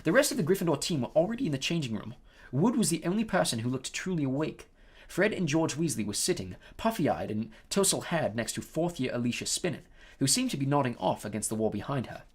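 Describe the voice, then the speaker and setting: An audiobook reader narrating a story with a lively, animated pitch. The voice is a little husky. Small slips and fillers show through. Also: fast talker.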